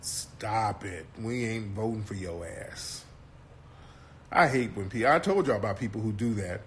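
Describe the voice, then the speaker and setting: A man's voice: lowish voice, animated, measured pace, fairly bright tone, slight background noise. A man hosting a casual commentary talk in a brash, mocking and profane way. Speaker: host.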